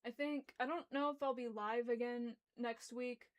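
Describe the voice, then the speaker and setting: At a moderate pace and steady tone, a young adult woman with a fairly high voice reads a story aloud and chats casually as host of a livestream. Hesitant and apologetic, she talks through a locked jaw, so her words come out slightly muffled.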